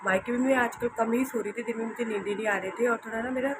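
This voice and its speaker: Tired hoarse young woman vlogging at home. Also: on the high side, steady tone, fast. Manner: soft, rambling, repeats herself. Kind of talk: casual home vlog narration. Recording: noisy home recording.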